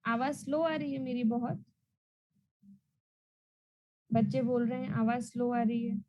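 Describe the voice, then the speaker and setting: A woman teaching an online class, loudly and emphatically and repeating questions so students answer back. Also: fairly high pitch, fairly even intonation, a little slow, muffled recording. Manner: repetitive question-and-answer drilling; loud and emphatic.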